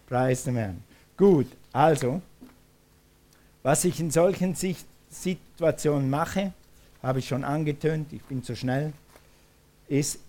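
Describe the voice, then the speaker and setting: A man's voice: fairly high pitch, a little mellow. A man preaching a sermon, emphatic, repeating his phrases and calling on the congregation to respond. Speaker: pastor.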